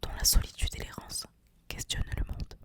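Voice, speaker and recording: Young woman in a hushed library whisper. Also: a little fast. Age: young adult. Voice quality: breathy, unvoiced whisper. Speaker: host of a book recommendation video. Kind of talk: whispered ASMR talk about favourite books, with some reading aloud.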